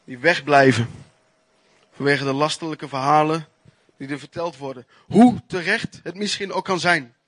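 A man preaching a sermon, telling his own testimony in an earnest, emphatic way with pauses and restarts. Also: fairly high pitch, a bit bright, dry recording.

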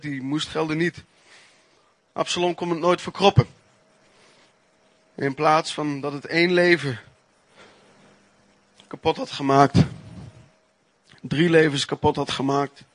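A man preaching a sermon, telling his own testimony in an earnest, emphatic way with pauses and restarts. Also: fairly high pitch, fairly bright tone, no room sound.

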